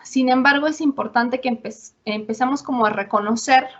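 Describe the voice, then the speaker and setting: A woman with a Mexican accent giving a relaxed lecture, talking conversationally and acting out little quoted exchanges. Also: high voice, normal speed. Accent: Mexican Spanish. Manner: conversational, acts out quoted voices, frequent tag questions. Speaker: university lecturer. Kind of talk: informal lecture. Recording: dull lo-fi audio.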